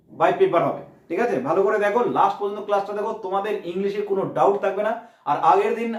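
A man's voice: sits high, reverberant. A man with a Bengali accent teaching an exam-prep English lesson, explaining step by step and asking and answering his own questions. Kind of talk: online exam coaching lesson.

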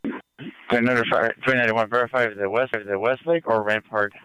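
A man's voice: mid-range voice, steady tone, a little fast, sharp tone, clean tone, low-quality recording. A man working as a police dispatcher, relaying status reports procedurally over a police radio. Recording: police scanner radio transmission.

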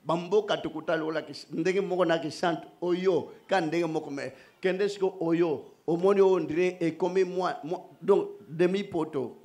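Male preacher, high-pitched, forceful sermon delivery. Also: fairly even intonation, unhurried, few pauses. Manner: emphatic, raising his voice to the congregation. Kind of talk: sermon mixing Lingala and French.

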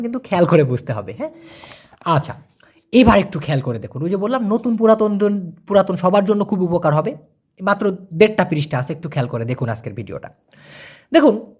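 A language teacher, giving a beginner lesson and repeating words slowly so learners can follow. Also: mid-range voice.

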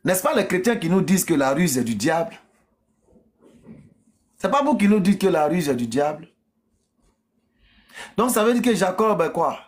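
A man's voice: high-pitched, big pitch swings, normal speed, long pauses. Emphatic man preaching with rhetorical questions. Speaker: religious debater. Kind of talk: preaching on a live stream. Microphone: phone or streaming mic.

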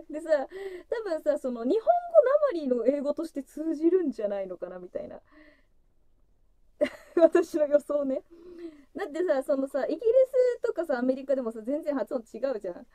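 High bouncy woman rambling on a livestream, laughs a lot, mellow tone, dry close sound. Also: sing-song, moderate pace, long pauses, dry recording. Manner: chatty and giggly, breaks into frequent laughter, voice jumping high. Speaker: livestream host opening fan gifts. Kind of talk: casual solo livestream chat.

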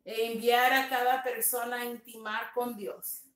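A woman pastor speaking slowly and tenderly on a livestream, sharing a testimony and greeting viewers, sometimes slipping in English words. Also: a little high, level tone, a bit bright, roomy sound, recorded from a distance. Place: home room, dim. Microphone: phone on a live stream.

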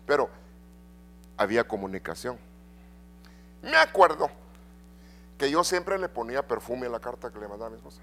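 Lively Spanish-speaking preacher man. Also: mid-range voice, moderate pace, pauses often, slight background noise. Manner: animated preaching, swinging loud and soft; addresses congregation with rhetorical questions. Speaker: pastor. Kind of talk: sermon. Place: church.

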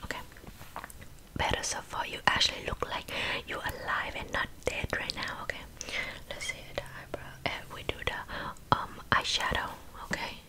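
A woman's voice: moderate pace, bright, forceful tone, close to an everyday voice, rough recording. Woman's whispered role-play of a bossy, accented makeup artist. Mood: brisk, critical. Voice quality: breathy unvoiced whisper with wet mouth sounds. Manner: scolding, blunt, clipped phrasing. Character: bossy, blunt, insulting female makeup artist.

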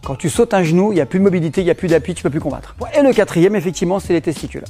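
A man's voice: high-pitched, very fast, mellow, faint music behind. A middle-aged man with a French accent teaching self-defense in a casual demonstration, joking and laughing often as he explains.

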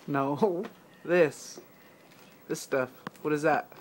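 Young father, casual home video, patient and playful, gentle laughs, faint room ambience behind. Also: a little high, fairly even intonation, extremely slow, a little hiss or hum. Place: family apartment at home.

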